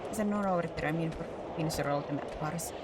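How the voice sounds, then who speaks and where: A woman with a Finnish accent who rolls her R's, chatting in an animated, rambling, self-deprecating way while commentating her gameplay. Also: low voice, quick pace, very noisy. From Finland. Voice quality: rolled R's. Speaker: video game streamer. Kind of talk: casual gameplay commentary to viewers.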